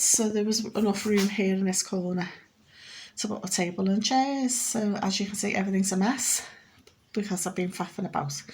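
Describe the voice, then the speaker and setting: Inside her home, a Liverpool-accented woman in her fifties who vlogs about home renovation gives a rambling, casual, matter-of-fact tour. Her voice is medium in pitch with a darkish tone.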